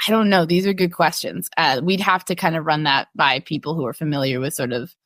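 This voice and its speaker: Female podcast co-host, lower-pitched, dry close sound, rambling conversational delivery. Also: a little fast, fairly bright tone, dry recording. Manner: chatty, many restarts and fillers, laughs easily. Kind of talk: casual chat reading patron questions.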